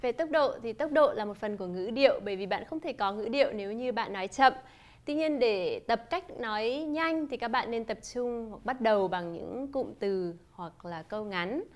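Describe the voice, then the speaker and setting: A woman with a fairly high voice gives a scripted lesson as an English teacher. She explains in a clear, measured way and demonstrates example phrases as she goes. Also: expressive.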